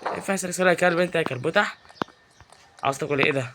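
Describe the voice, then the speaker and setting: Excitable Egyptian man narrating gameplay. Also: fairly high pitch, racing, noisy background. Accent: Egyptian Arabic. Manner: excitable and teasing, yells at game characters. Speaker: gaming YouTuber. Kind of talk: live gameplay commentary.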